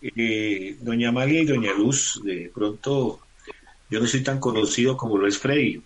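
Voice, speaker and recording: A man's voice: mid-range voice, normal speed. A man with a Colombian accent interviewing in a casual, informal way, often checking with short tag questions. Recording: noisy remote call with clicks.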